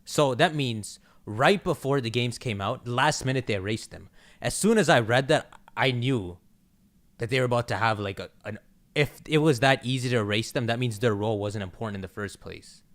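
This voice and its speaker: Casual young man streaming fan theories. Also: medium pitch. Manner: excitable, quick, slangy fan talk. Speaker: channel host. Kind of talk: casual chat on a livestream.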